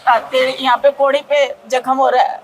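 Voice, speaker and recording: A woman's voice: high voice, flat delivery. A tearful woman, a relative of the dead man, answering a reporter in pleading, broken sentences outside a police station. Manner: distraught, pleading, rapid and broken. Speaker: victim's relative. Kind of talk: emotional interview answers.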